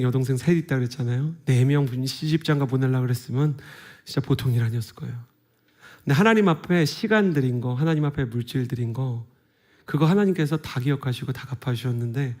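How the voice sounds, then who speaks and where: A man in his thirties, a guest pastor giving a revival sermon in a church, earnest and conversational with soft whispered asides. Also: medium pitch, brisk. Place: church sanctuary.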